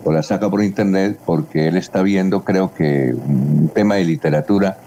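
A man hosts a radio show in a low, mellow voice. He relays listeners' questions to the guest expert, and a faint hiss of noise runs under his voice. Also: moderate pace. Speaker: radio host.

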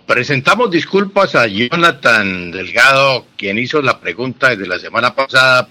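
A man's voice: medium pitch, bright, forceful tone. A man answering listener questions on a radio program as a language expert, explaining patiently and repeating his key points.

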